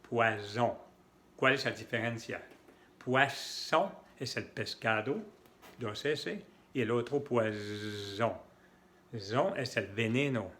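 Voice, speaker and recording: Slow, careful man teaching pronunciation. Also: medium pitch, fairly bright tone. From French-speaking. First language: not Spanish. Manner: slow, careful, repeats words to model sounds. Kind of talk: slow explanatory lesson with examples.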